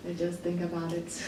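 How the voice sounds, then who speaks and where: Flat-toned woman, far and echoey. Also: on the low side. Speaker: student participant. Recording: echoey room from far off, noisy.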